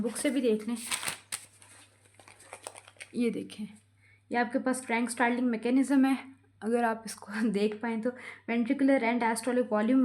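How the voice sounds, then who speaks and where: A woman's voice: a little high, a little mellow. A young woman giving a medical lecture, mixing in English terms and checking in often with listeners. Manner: explanatory, frequent "theek hai" check-ins, slows for English terms. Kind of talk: explaining lecture, Hindi-English code-switching.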